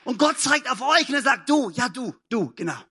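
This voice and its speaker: A man with a high voice and a bright tone preaches an evening sermon to a church congregation. He talks emphatically, repeating short phrases, and he swings from loud calls to quiet, intimate passages. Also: big pitch swings, moderate pace, breathy edge. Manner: admits to stumbling over sentences and grammar. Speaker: pastor. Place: church service.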